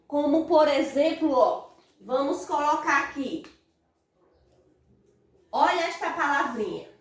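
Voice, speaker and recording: A woman's voice: high-pitched, expressive, slow pace. A woman teaching a grammar lesson to primary school children with a Brazilian Portuguese accent, drawing out stressed syllables in sing-song calls. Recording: echoey room, voice far from the mic.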